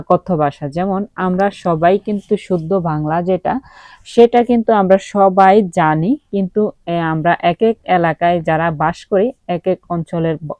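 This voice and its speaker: A woman from Comilla, Bangladesh, teaches a grammar lesson in a low voice. She often poses a question and then answers it herself, with plenty of hesitant fillers. The recording is close and dry. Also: darkish tone, no echo.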